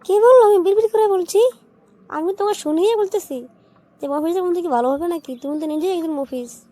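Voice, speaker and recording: A woman voicing a teasing, sharp-tongued cartoon wife who mocks her husband. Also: high-pitched, a little fast, voice pushed up, natural voice. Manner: mocking, needling.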